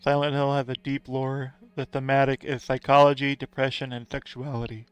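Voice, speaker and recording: A man's voice: medium pitch, level tone, normal speed, clean tone. A man live-streaming a game, chatting casually to his viewers, rambling and laughing often. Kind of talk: casual live-stream chat while gaming.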